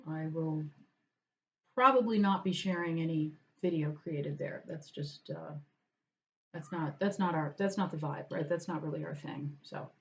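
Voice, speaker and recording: A woman's voice: deep voice, measured pace, gravelly, lo-fi sound. A woman vlogging at home, chatting casually and meandering over her lunch. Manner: chatty, meandering, talks to her cat aside.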